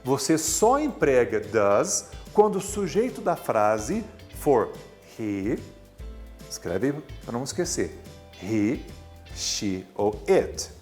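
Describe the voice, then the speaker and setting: Man, Brazilian Portuguese accent, English teacher, patient explaining, lively intonation, faint music behind. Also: medium pitch, slow pace. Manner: patient, explanatory, stretches words for emphasis. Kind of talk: recorded video lesson.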